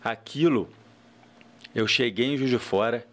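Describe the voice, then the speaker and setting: A man's voice: mid-range voice, unhurried. A man who is a guest entrepreneur, chatting casually on a podcast and telling stories with lots of fillers. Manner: animated storytelling, frequent "cara" fillers.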